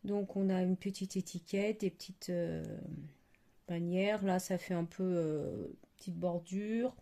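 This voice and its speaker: A woman chatting casually as she shows craft stamps on camera, hesitant, often pausing to search for words. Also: on the low side, fairly even intonation, dark tone. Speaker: crafting vlogger. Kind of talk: casual product show-and-tell.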